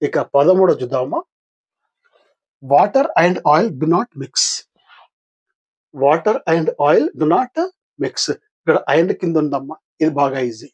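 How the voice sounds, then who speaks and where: An older man with a Telugu accent, his voice a little husky and pitched somewhat high. He teaches English grammar for an exam, patiently putting questions to his listeners and then answering them himself. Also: very animated, slow, long pauses, a little mellow, lo-fi sound. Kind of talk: exam-practice lesson.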